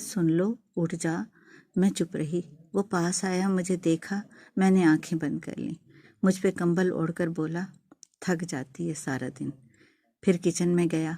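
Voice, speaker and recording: Woman storyteller, low mellow voice, dry close sound, heartfelt dramatic first-person story narration. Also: no echo. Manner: heartfelt and dramatic, rising to wailing pleas.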